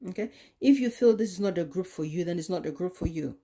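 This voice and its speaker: A woman giving a tarot card reading, talking in a slow, soothing way with many "okay?" tag questions. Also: fairly low pitch, expressive, warm tone. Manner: drops into a whisper at times. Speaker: tarot reader.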